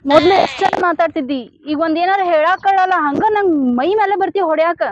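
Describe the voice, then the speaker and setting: A woman playing a quick, indignant young bride with a North Karnataka accent. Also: very high voice, over music. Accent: North Karnataka Kannada. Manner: scolding, indignant. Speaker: actor. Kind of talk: comic short-film acting. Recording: muffled sound with faint background noise.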